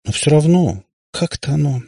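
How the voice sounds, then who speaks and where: A tired warlock father, voiced by a male reader, explains things in a rambling, pedantic way. His voice is husky and slightly raised, recorded close and dry. He sounds worn out by his own explanations in this audiobook. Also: a little high, lively intonation, moderate pace, mellow, dry recording, voice pushed up. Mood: flustered. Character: weary, long-winded warlock father.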